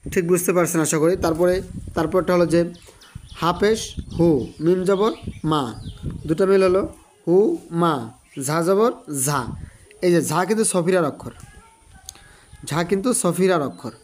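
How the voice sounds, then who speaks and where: A man giving an online Quran reading lesson, who spells out letters slowly and repeats them for his students. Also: sits high, a little hiss or hum. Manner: slow, repetitive spelling-out of letters; addresses students directly, encouraging.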